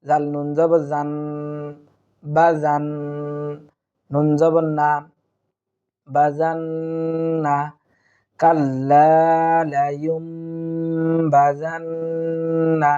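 A man's voice: a little high, completely flat delivery, drawn-out words, long pauses, mellow, smooth, highs cut off, soft background music. A man teaching Quran reading. He spells out each letter and vowel mark one at a time, then chants the joined verse, speaking patiently to his students. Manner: patient, addresses students directly.

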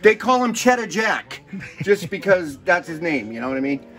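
A man's voice: sits high, big pitch swings, normal speed, a bit bright, low-quality recording. A man hosting a casual cooking show, rambling and joking as he cooks, swearing freely and drifting off into stories. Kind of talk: casual cooking demonstration chat.

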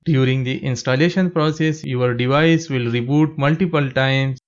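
A man narrating a step-by-step tech tutorial as a plain, steady voice-over. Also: mid-range voice, moderate pace, dull audio.

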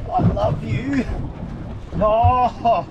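An Australian man fishing from a small boat at sea, talking loudly and boisterously with his mates. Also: very high voice, extremely slow, highs cut off. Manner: boisterous, swears, shouts with joy. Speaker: angler on a fishing trip. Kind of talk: casual chat while fishing. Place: small boat out on the open ocean. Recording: loud wind and boat noise. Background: wind and engine.

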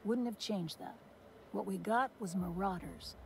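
A jaded former testing supervisor, sardonic and weary, in a video game. Her voice has a gravelly edge, with faint game noise behind it. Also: medium pitch, unhurried. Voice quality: dry, sardonic, world-weary. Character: bitter, sarcastic former testing supervisor woman. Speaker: game character.

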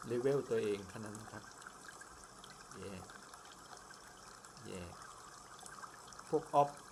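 A man chatting casually to viewers as he plays through a game, his volume swinging between loud and soft. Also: lowish voice, extremely slow, slight background noise. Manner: chatty, talks to viewers while playing. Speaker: game streamer. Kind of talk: casual gameplay commentary. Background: game music.

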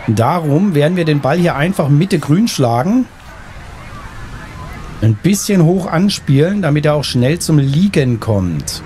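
A man's voice: fairly high pitch, sing-song, measured pace, mellow, slight background noise. A man hosting a casual let's play, thinking aloud as he plays. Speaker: gaming video host. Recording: faint game ambience behind. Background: faint game ambience.

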